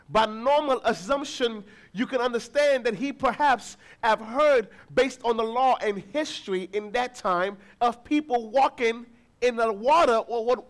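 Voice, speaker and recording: A man preaching a sermon as pastor, telling a family story and acting out the people in it, with bursts of shouting. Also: very high-pitched. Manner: animated, acts out voices, shouts encouragement.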